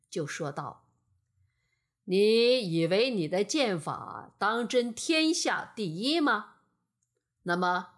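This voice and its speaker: Slow, breathy bedtime storyteller woman. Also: fairly high pitch. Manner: slow and gentle.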